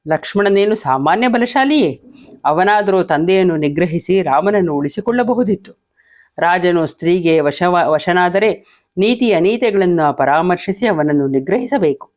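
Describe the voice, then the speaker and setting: A man's voice: sits high, animated, normal speed. A man voicing a distraught young prince in an emotional reading, on a dull lo-fi recording. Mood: indignant. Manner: wailing then indignant.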